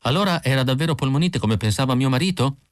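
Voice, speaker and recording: A man's voice: medium pitch, expressive, fast talker, no room sound, studio quality, pitched above the performer's own voice, close to an everyday voice. A man voicing a grieving middle-aged housewife, tearful and pleading, in an audiobook reading. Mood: distressed. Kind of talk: audiobook character voice.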